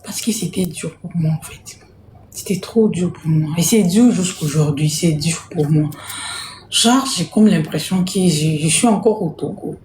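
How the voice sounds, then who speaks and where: A woman from Congo hosting a casual live stream to sell jerseys, speaking softly and repeating herself. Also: on the low side, unhurried, echoey room, slight background noise. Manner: soft-spoken, repeats herself. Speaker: livestream host selling jerseys. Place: home room, indoors.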